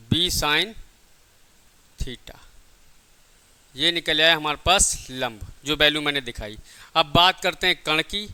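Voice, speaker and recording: This physics teacher's voice is fairly high, pushed and bright, with a clean tone. In his classroom lesson he proceeds step by step, didactically asking questions and then supplying the answers himself.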